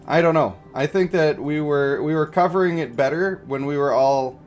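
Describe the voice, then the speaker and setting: Over music, a man running a game stream talks at a moderate pace in a fairly high voice. He answers viewer comments in relaxed conversation, laying out his views and checking for agreement.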